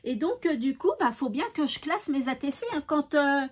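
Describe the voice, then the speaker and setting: With lively intonation at a normal speed, a high-pitched French woman from the regions chats with her craft-vlog audience. Upbeat and excited, she leans heavily on fillers and says "voilà" again and again.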